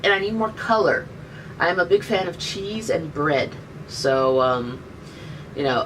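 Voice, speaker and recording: Sitting indoors by a window, a thirtysomething woman jokes around while answering viewer questions during a casual live stream. She has a deep voice with a fairly bright tone, and a distant webcam mic catches her along with faint background noise.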